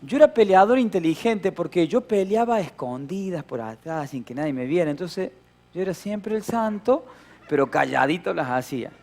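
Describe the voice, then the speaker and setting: High, gravelly-voiced Rioplatense pastor. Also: male voice, animated, normal speed. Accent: Rioplatense Spanish. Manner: storytelling with playful humor, acting out shouts and voices. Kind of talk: sermon.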